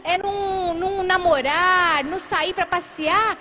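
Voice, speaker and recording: High-voiced Brazilian woman telling a story. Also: slow pace. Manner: animated, acts out dialogue in shifting voices. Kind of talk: storytelling testimony.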